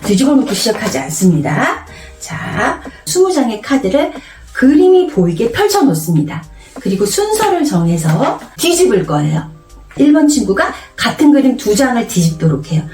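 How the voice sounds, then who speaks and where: A woman explains a children's card game in a playful, animated classroom manner, her voice sitting a little high and swinging widely in pitch. She sounds somewhat distant from the mic in a roomy space, with faint music underneath. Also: moderate pace. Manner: animated, playful teacher voice with exaggerated storytelling. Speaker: teacher demonstrating a memory card game. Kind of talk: classroom-style demonstration and storytelling.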